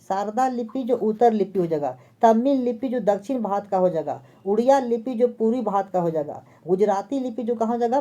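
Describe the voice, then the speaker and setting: Woman teaching exam prep, keeps repeating answers, soft dark tone, muffled lo-fi audio. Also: on the high side. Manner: asks a question and then answers it herself, repeating key terms. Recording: dull lo-fi recording.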